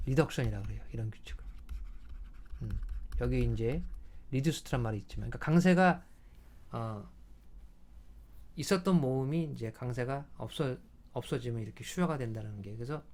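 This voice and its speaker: A man's voice: medium pitch, darkish tone. A middle-aged man giving a recorded linguistics lecture, explaining step by step and often checking with students. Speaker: English linguistics professor.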